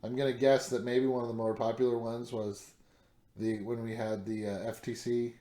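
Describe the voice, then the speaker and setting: A man's voice: mid-range voice, level tone, normal speed, mellow. Chatty podcast host man, echoey room. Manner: rambling, lots of fillers and restarts, laughs easily. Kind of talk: casual podcast chat.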